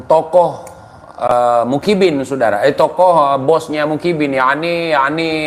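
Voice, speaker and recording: A man hosting a live stream, giving his commentary in a measured, deliberate way and speaking to his viewers. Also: medium pitch.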